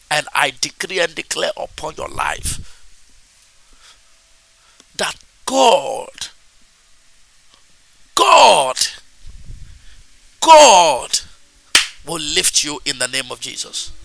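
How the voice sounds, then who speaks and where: A man leading a fervent prayer, chanting repeated declarations that build into shouts. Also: on the high side, gravelly, no room sound. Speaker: preacher. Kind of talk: fervent prayer with speaking in tongues.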